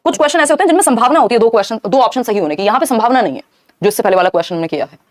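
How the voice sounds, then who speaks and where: A woman teaching a live online exam-prep lesson, explaining answers briskly and answering viewers in the chat. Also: fairly high pitch, lively intonation.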